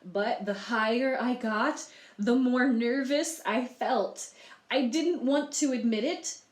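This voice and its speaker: Slow-paced woman reading in an echoey room. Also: fairly high pitch. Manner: expressive, slow, addresses children with questions. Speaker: library storytime reader. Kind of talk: children's picture book read-aloud with asides. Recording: roomy, echoey sound.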